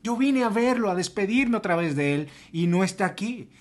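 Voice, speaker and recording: A man's voice: high voice, expressive, moderate pace, voice pushed up. A man preaching voices a grieving woman at the empty tomb, speaking her distraught lament in the first person.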